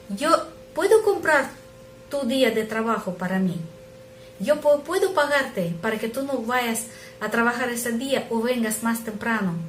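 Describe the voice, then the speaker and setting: An eager six-year-old boy , as a woman preacher puts him on, high and earnest as he pleads with his father. His asking comes out in a lifted, animated voice with a roomy echo around it. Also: slight background noise, close to an everyday voice.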